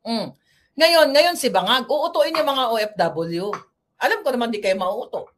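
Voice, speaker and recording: A fairly high-pitched woman from the Philippines talking straight to her viewers in a loose political commentary vlog. She is blunt and combative and chats at length, sliding between Tagalog and English as she goes. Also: expressive, moderate pace, fairly bright tone. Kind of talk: casual political commentary monologue.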